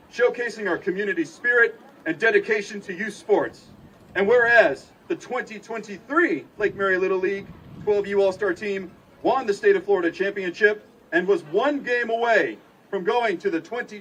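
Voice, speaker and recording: A man's voice: high voice, a bit bright. A man reading a formal civic proclamation as a commissioner, with emphatic public-address delivery from an outdoor stage. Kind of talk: formal ceremonial proclamation speech. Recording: distant outdoor PA with background noise.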